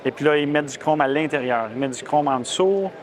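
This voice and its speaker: Higher-pitched Quebec French man, enthusiastic. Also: fast, noisy background. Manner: enthusiastic, colloquial. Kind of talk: casual on-camera car talk.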